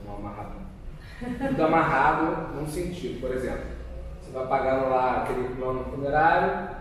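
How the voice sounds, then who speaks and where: A man's voice: medium pitch, a little hiss or hum. Casual man, echoey distant mic. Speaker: podcast host. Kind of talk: podcast interview. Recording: echoey room, mic from far off.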